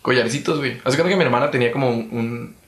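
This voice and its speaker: A young man with a Mexican accent, chatting casually in a slangy, relaxed way. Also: mid-range voice, racing. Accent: Mexican Spanish. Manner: slangy and relaxed, peppers talk with "güey". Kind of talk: casual chat. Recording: echoey room.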